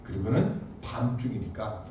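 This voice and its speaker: Animated pastor preaching in an echoing church. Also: male voice, medium pitch, moderate pace, dull audio, background noise. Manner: animated, questions the congregation. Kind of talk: sermon. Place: church sanctuary. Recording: echoey church hall from far off.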